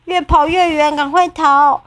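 A woman voicing a gang of frightened little wild cats in a storybook read-aloud, with a high, excited, meowing voice. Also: a little slow. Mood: scared.

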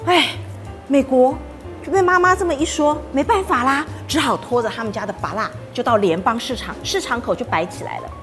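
Woman storyteller, taiwanese mandarin accent, high lively voice, children's story, faint music behind. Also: brisk. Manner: animated, talks to the children.

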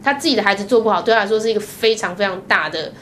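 A woman with a Taiwanese Mandarin accent, a guest telling candid personal stories in an animated way, laughing often and acting out the voices she quotes. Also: medium pitch, rapid-fire, a little hiss or hum.

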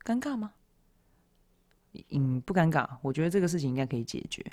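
A young man, hosting a podcast and retelling awkward moments in a casual, animated, self-mocking way. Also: fairly high pitch, a little fast. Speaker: podcast host. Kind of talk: casual solo storytelling.

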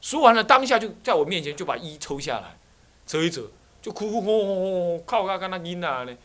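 A man's voice: sits high, big pitch swings, a little fast, fairly bright tone. A man with a Taiwanese Mandarin accent, a Buddhist abbot giving a sermon lecture to a class, telling stories and asking rhetorical questions. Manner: storytelling, asks many rhetorical questions. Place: teaching room with students.

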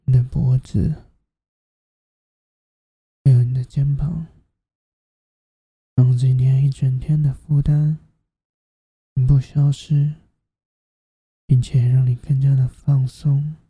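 Very soft, breathy, dark sleep-story narrator. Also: mid-range voice, level tone, slow pace, long pauses, dry recording. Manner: soft, soothing, half-whispered delivery. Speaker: host and narrator of a guided sleep relaxation.

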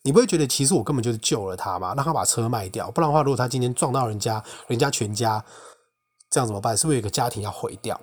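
A young man with a Taiwanese Mandarin accent, hosting a podcast and telling a personal faith story in an indignant, animated way. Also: mid-range voice, racing. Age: young adult. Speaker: podcast host. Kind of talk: casual personal testimony monologue.

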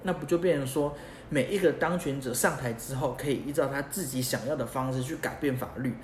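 A man's voice: mid-range voice, a little fast. A young man hosting a podcast. He talks casually and animatedly, firing off rhetorical questions. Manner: animated, asks many rhetorical questions, chuckles at himself. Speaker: podcast host. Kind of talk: casual explanatory podcast monologue. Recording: roomy echo, faint background hiss.

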